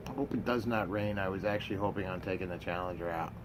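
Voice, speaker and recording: Man, fifties, lower register, musing casual vlogger, pipe in mouth, light outdoor noise. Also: quick pace. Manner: talks while smoking a pipe, often with it in his mouth. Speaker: pipe tobacco reviewer. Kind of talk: casual vlog chat. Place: outdoors by a house with trees. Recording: clear outdoor ambient noise.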